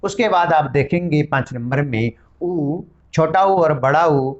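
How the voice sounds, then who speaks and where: A man's voice: fairly high pitch, unhurried, muffled recording. A man teaching a Sanskrit grammar lesson, explaining and spelling out each sound one at a time. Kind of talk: classroom-style lesson.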